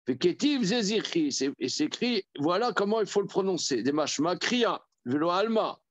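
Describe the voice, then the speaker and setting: Higher-voiced rabbi teaching, halting. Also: male voice, animated, dry recording, highs cut off. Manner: halting, repeats words, reads verses aloud and then explains. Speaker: rabbi teaching a Torah class. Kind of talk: Talmud study lesson.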